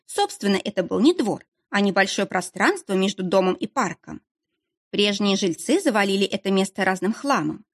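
Husky woman narrating an audiobook. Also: medium pitch, no room sound, studio quality. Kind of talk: first-person audiobook narration.

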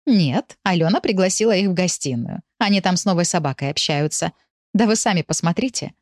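Storybook hostess: persuasive, reassuring woman, lower pitch, voiced by a woman narrator. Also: expressive, brisk, a little mellow, no echo, clean studio sound, lightly acted. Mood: coaxing.

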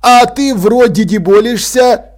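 A man's voice: very high voice, a little slow, a little mellow, voice pushed up. A man voicing a weepy, devout schoolboy who whimpers and sniffles as he talks. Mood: whimpering.

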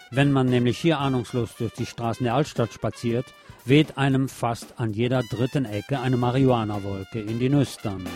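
A radio news presenter, a man, reads a scripted news magazine report in a mellow, relaxed, medium-pitched voice. His delivery carries a wry, colloquial edge, and faint music plays beneath it.

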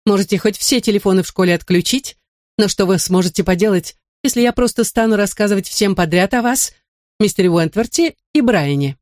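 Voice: medium pitch, a little fast, a little mellow, dry recording, studio quality, pitched above the performer's own voice, natural voice. A narrator voicing a haughty, scheming young woman who is secretly a witch, proud and demanding, in a read-aloud storybook. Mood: defiant. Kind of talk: audiobook character voice.

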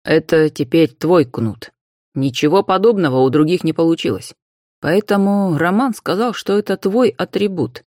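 A woman voicing a calm, soft-spoken male colleague in an audiobook. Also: lowish voice, normal speed, no echo, studio quality, close to an everyday voice. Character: young man, calm colleague.

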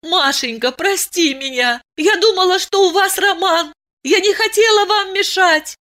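A woman voicing a calm, wry grown woman. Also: very high-pitched, measured pace, voice pushed up, exaggerated voice. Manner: calm, soothing, slightly ironic. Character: worldly grown woman, calm, wryly sympathetic.

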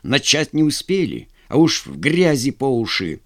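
A stern old general with grey, knitted brows, as a male narrator plays him. He speaks gravely and curtly, low and weighty, in a dry close storybook reading. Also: wildly swooping pitch, moderate pace, dry recording. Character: older stern general, grey-browed prince.

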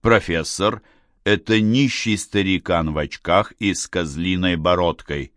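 A man's voice: low voice, steady tone, a little slow, a bit bright, no echo, studio quality. A man narrating an audiobook with ironic storytelling.

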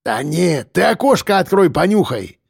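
A man's voice: high-pitched, big pitch swings, normal speed, creaky, husky, no echo, clean studio sound, voice pushed up, exaggerated voice. A man voicing a cheerful, talkative middle-aged cafe owner with a light Caucasus accent in an audiobook. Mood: friendly, hospitable. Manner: warm, chatty, unflappable, calls people dear. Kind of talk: audiobook character voice.

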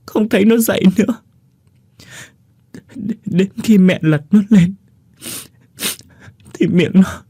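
A man's voice: high-pitched, warm tone, husky, no room sound, clean studio sound, pitched above the performer's own voice, full character voice. A man voicing a hungry, grieving poor boy who stammers and chokes up.

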